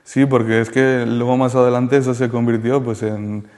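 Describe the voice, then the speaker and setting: A man from Colombia, giving a halting, soft-spoken personal testimony in an interview. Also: medium pitch, flat delivery, in a large hall. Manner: halting and soft-spoken, circling back with many restarts. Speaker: interviewee sharing a rehabilitation testimony.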